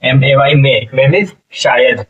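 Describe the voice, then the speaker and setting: A husky man teaching an English phonics lesson, breaking words into letters and sounds and asking what each word becomes. He sounds a little distant from the mic. The recording is dull and lo-fi. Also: medium pitch. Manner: spells words slowly, repeating and asking "what will it be?".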